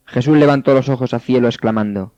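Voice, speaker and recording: A man narrating scripture in a steady, measured way. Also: medium pitch, no room sound. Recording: dull, dry studio sound.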